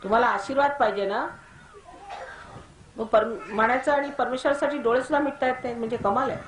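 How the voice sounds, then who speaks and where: A woman's voice: a little high, fairly quick, background noise. A woman, a spiritual teacher giving firm, scolding meditation instructions to a gathering. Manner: commanding, scolding. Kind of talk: guided meditation instructions to a crowd. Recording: echoey hall recording.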